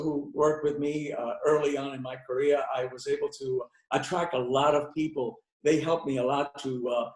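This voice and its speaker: A man's voice: a little high, a little mellow. Older man, roomy echo. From Cuba. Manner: rambling anecdotes with many fillers and restarts. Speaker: interview guest, beauty expert. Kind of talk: storytelling interview answers.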